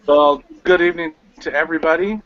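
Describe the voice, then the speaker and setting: A man sharing his testimony over a glitchy internet call whose audio keeps breaking up and dropping words. He speaks in halting, fragmented sentences. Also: fairly high pitch, fairly even intonation, lo-fi sound. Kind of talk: casual spoken testimony.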